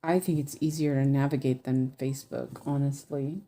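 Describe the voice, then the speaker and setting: A woman's voice: very deep voice, fairly even intonation, normal speed, warm tone. A woman with a lisp that slurs her s sounds toward sh, chatting casually and thinking aloud as she hosts a craft livestream. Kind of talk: casual livestream chat while stitching.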